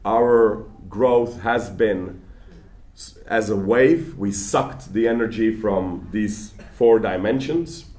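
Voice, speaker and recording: A man giving a public lecture in an animated, conversational way, often restarting his sentences, in a large lecture hall. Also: fairly low pitch, slow pace. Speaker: guest lecturer.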